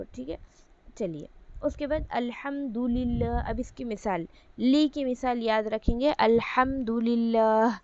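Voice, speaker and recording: Woman Quran Arabic tutor, higher voice, methodical, checks in often, slow recitation; muffled lo-fi audio. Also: darkish tone. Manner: explains step by step, asks and answers own questions; repeats "ठीक है" as a check-in. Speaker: Arabic grammar teacher. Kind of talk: online Quran Arabic lesson.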